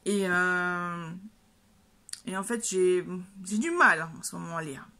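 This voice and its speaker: A woman's voice: lowish voice, takes it slowly, sharp tone. A woman book vlogger in casual chat at home, rambling with lots of fillers and restarts. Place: at home, by her bed.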